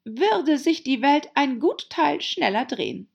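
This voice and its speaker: Brief: woman doing a bossy noblewoman for an audiobook, high and loud, hoarse growl, slow, drawn-out snapping. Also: very animated, highs cut off, exaggerated voice. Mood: rude. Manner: snappish, rude, drawn-out words. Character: harsh bossy noblewoman, the Duchess. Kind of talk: audiobook character voice.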